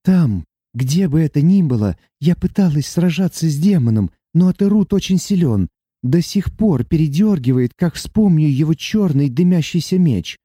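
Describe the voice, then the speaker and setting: A man's voice: fairly high pitch, expressive, normal speed, dark tone, no room sound, studio quality, pitched above the performer's own voice. A man voicing an emotional young heroine who speaks earnestly and tearfully, in a raised voice. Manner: earnest, tearful, breathless pleading.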